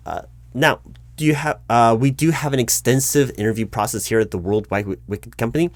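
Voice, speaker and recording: A man with a medium-pitched voice acts out the recruiter's half of a job interview, sounding polite, officious, and verbose in a corporate register. He speaks fairly quickly, and the recording is dry.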